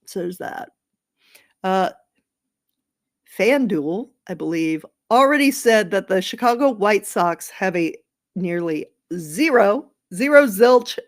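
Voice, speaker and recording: A woman hosting her own sports podcast late at night, chatting alone in a rambling, sarcastic, gossipy way with playful outbursts. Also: mid-range voice. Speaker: podcast host. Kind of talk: casual solo sports podcast.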